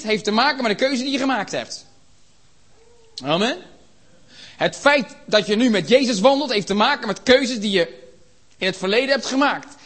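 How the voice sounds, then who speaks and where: Impassioned high-voiced preacher man. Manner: impassioned, builds to shouts and rhetorical questions. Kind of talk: sermon.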